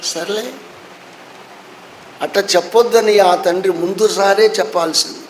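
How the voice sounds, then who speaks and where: A man's voice: sits high, unhurried, slight background noise, low-quality recording. A man in his sixties, a pastor, preaching a sermon that he tells as a story and acts out with voiced quotes. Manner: animated storytelling with acted quotes. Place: church hall.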